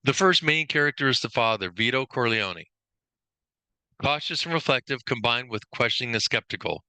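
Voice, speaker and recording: A man's voice: mid-range voice, expressive, normal speed, pushed and bright, dry recording. A male trainer giving an informal lesson, rattling off lists of traits and now and then correcting himself. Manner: brief self-corrections. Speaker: workplace trainer.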